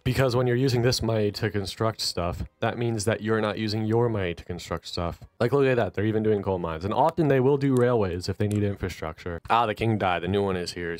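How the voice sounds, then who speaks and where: A man's voice: on the low side, no echo. A man with a stuffy, nasal voice from allergies, giving casual, wry commentary while playing a strategy game. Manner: chatty and wry, thinking aloud while playing. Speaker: gaming channel host.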